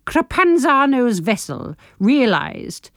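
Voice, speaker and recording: A woman's voice: on the high side, very animated, takes it slowly, a bit bright, no room sound, clean studio sound. A British woman hosting a comedy show in playful casual chat, with teasing asides and lots of tag questions. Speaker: comedy podcast host.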